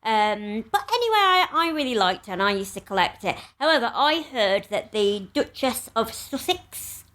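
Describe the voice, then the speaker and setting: A woman co-hosting a casual chat while hungover, rambling and giggly with lots of pauses. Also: medium pitch, expressive, fairly bright tone. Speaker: podcast co-host.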